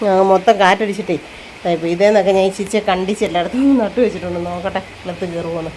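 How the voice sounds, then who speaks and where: A woman's voice: lowish voice, racing, darkish tone, slight background noise. A middle-aged woman from Kerala with an Idukki Malayalam accent, chatting to her viewers as she does chores around her home and yard. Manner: chatty, tags sentences with "you know". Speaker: home vlogger. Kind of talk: casual chat while doing chores.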